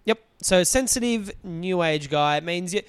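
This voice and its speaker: Male co-host, rambling, self-mocking, higher voice, dead-dry mic. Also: lively intonation, unhurried, clean tone, no echo. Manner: rambling, self-deprecating, many restarts. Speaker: podcast co-host. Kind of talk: casual chat.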